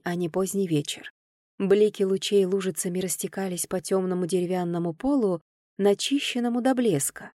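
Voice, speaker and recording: Woman reading a story out loud, expressive, soft mellow voice, dry close mic. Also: medium pitch, no room sound. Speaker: audiobook narrator. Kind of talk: first-person audiobook narration.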